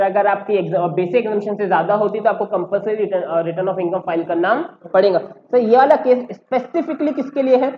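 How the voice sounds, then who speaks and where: A man's voice: sits high, slight background noise. A man teaching tax law in a lecture, mixing Hindi and English and answering his own questions. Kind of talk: classroom lecture. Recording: roomy, dull lo-fi sound.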